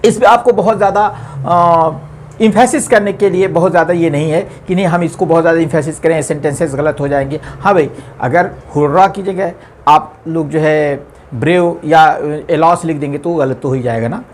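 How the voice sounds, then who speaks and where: A man's voice: a little high, normal speed, slight background noise. A man teaching an English grammar lesson, explaining patiently with many repetitions and fillers.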